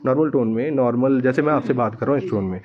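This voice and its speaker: A man's voice: medium pitch, fast talker. A young man gives an emotional interview account as the brother of the deceased. He halts, repeats words and restarts as he retells what happened. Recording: dull lo-fi sound.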